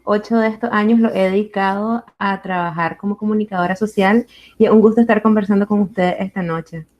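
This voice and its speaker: A woman's voice: medium pitch, steady tone, fairly quick. A woman in her twenties from Nicaragua, a social communicator, introduces herself politely. Her voice sounds distant from the mic. The audio is dull, muffled video call sound. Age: 20s. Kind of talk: panel self-introduction.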